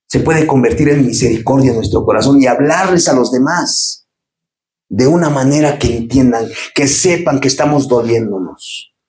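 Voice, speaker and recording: A male pastor delivers an impassioned sermon in an echoey church room. His voice sits at a middle pitch, climbing high and urgent, then dropping into low, hushed asides. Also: slight background noise. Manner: impassioned preaching, swinging between raised pitch and low, quiet asides.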